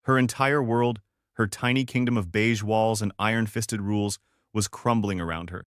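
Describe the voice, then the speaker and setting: Low-voiced man narrating a story. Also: steady tone, moderate pace, dry recording, clean studio sound. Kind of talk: first-person story narration.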